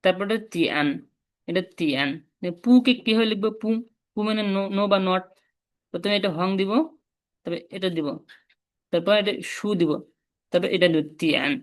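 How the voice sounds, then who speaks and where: A woman with a Bangladeshi Bengali accent giving a casual spoken lesson, explaining step by step and repeating syllables slowly. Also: on the low side. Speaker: Chinese language teacher.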